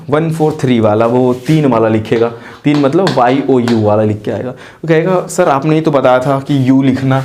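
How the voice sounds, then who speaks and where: A man teaching a casual whiteboard lesson who talks straight to his students, repeats himself to coax them along and chants memory tricks slowly, syllable by syllable. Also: medium pitch, a little mellow, slight background noise. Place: classroom with a writing board.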